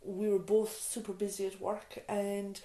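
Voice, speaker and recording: An interview with a middle-aged woman from Ireland, a nurse and mother, who reflects warmly on her story, often restarting, adding asides and saying "you know". Her mid-range voice is flat and measured, and the small island surgery room gives a roomy sound.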